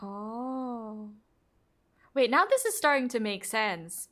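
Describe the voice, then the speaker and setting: Bright woman co-streamer, teasing, laughs a lot, casual. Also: fairly high pitch, lively intonation, slow pace. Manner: teasing, laughs often while talking. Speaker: guest co-streamer. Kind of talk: casual live-stream chat.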